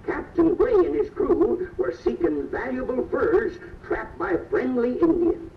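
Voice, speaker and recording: Man, stately ride narration, slow and gravelly, distant lo-fi PA playback. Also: very high voice, wildly swooping pitch. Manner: stately storybook delivery. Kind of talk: scripted historical narration.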